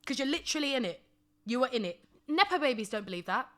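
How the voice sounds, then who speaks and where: A twenty-something woman talks fast in a high, sing-song voice with a fairly bright tone. Alone at the mic of her podcast, she chats casually and rants for laughs, sassy and emphatic, repeating phrases to play up the comedy.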